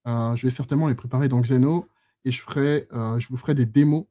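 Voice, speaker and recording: A man's voice: medium pitch, fairly even intonation, fast talker, warm tone. A man giving a chatty live-streamed lesson on databases, full of fillers, restarts and self-teasing asides. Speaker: instructor. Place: lives in Switzerland.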